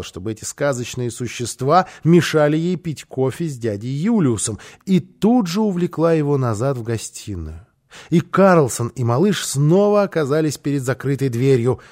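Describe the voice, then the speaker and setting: A man narrating a children's story in an expressive, lively storytelling manner. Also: fairly high pitch.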